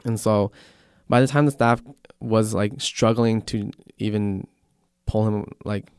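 Man, casual chat, measured explainer, smooth voice, fairly low, dry close sound. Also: steady tone, a little mellow, no room sound. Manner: measured, explains his reasoning.

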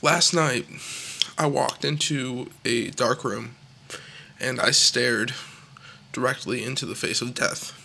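A man's voice: mid-range voice, steady tone, slow pace, gravelly, pauses often, pushed and bright. A young man delivering a rambling, self-deprecating comedic monologue with absurd jokes, sometimes dropping into a whisper. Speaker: comedic podcast host.

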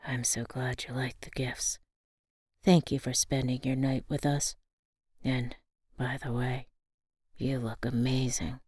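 A woman voicing an affectionate, soft-spoken young father with a hushed delivery in an audio story. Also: steady tone, measured pace, husky, no echo, clean studio sound, full character voice. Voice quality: hushed, low.

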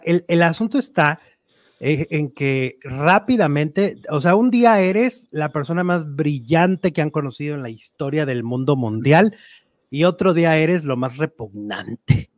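Brief: man, gossip commentator, somewhat high voice, dry close recording, opinionated chatter. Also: lively intonation, unhurried, dry recording. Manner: talkative, opinionated, many fillers. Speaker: entertainment news commentator. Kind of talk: casual gossip chat.

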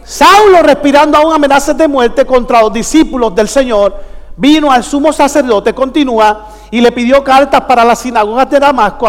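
A man preaching a sermon in a very high voice, pushing hard and calling out questions for his congregation to answer. His words ring out with a long echo through a large church. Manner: emphatic, calls out questions to the congregation. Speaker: pastor.

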